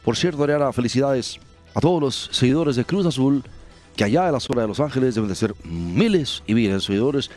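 A man's voice: mid-range voice, animated, a little fast, darkish tone, soft background music. A man hosting a comedy sports show, reading the news in a newsreader cadence.

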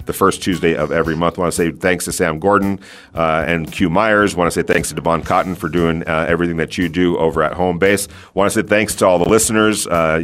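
Sports radio guy, deep voice, casual halting chat, faint music behind. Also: a bit bright. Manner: halting, conversational, repeats words. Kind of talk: casual radio sign-off and plugs.

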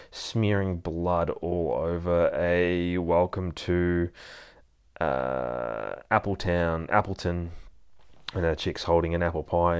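A man with an Australian accent hosting a podcast from a bedroom, talking in a casual, sweary, excitable review style. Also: low voice, smooth. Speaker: podcast host. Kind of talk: casual comic book review. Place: bedroom used as a studio.

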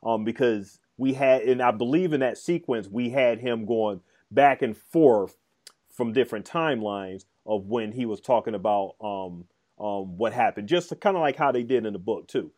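Man, mellow warm voice, casual rambling chat, lots of ums and restarts. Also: mid-range voice, normal speed. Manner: rambling, hesitant, many fillers and restarts. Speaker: podcast co-host discussing a film and comic.

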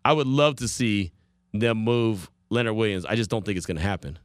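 A man's voice: fairly low pitch, brisk, dry recording, clean studio sound. A man hosting a sports talk radio show, chatting casually, repeating himself and laughing easily. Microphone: studio microphone.

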